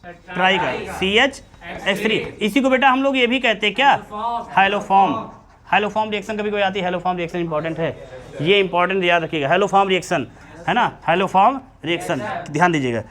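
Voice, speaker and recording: High-voiced man teaching chemistry. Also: brisk, fairly bright tone. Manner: repeatedly checks understanding, calls students beta. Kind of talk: classroom lecture. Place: classroom with students.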